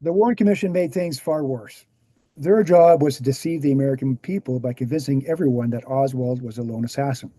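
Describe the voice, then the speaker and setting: At a screenplay table read, a male actor voices Gary, a confident man explaining away assassination myths, in an assured, didactic manner. His medium-pitched voice is brisk and mellow, close to an everyday voice, and the recording is dry.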